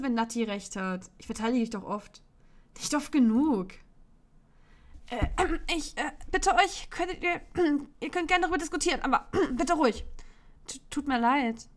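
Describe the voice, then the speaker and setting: Woman host, fairly high voice, reads game dialogue playfully with frequent giggles. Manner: playful, often breaking into giggles; reads all characters' lines in her own voice. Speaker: Let's Play host. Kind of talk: reading a dating-sim game aloud.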